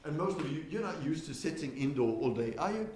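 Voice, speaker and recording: A man's voice: a little high, lively intonation, fast talker. Man speaking in an echoey hall. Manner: engaging, quizzes the audience, swings from loud to soft. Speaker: conference speaker. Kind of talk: lively conference talk. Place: windowless conference hall. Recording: echoey hall with faint noise.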